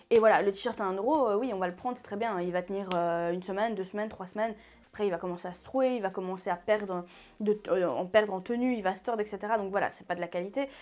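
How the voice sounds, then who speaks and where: A woman's voice: medium pitch, fast, darkish tone. A woman hosting a sewing channel, talking casually to camera in a chatty, rambling way with many fillers and self-corrections. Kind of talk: casual vlog talk to camera.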